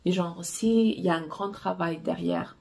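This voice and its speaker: Her lowish, mellow voice carries some vocal fry and moves a little slowly. She's a Portuguese-speaking romance author giving writers direct, honest guidance in an easygoing manner, pausing and hesitating frequently.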